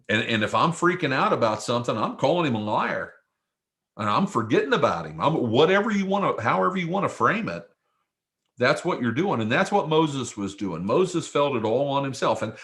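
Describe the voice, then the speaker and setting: A man delivering a sermon in an easygoing, conversational way, repeating words as he restarts his sentences. His pitch swings widely, leaping up high when he stresses a point, and it sits at an ordinary middle height. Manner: conversational preaching with stammered restarts and sports anecdotes; animated, pitch jumps high for emphasis. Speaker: pastor.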